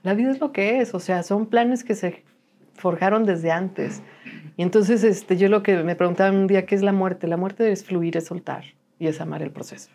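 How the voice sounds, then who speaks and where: A middle-aged woman, a guest in a casual interview, telling her story with lively acted-out dialogue. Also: medium pitch, normal speed. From Mexico. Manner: animated storyteller who acts out quoted dialogue.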